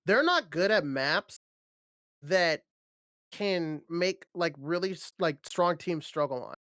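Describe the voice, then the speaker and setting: Male esports co-caster on a remote call; higher voice, dry sound, loose and chatty analysis. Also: lively intonation, takes it slowly, sharp tone, dry recording. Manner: rambling, filler-heavy, keeps asking "right?". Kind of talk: live esports commentary. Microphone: remote call over the internet.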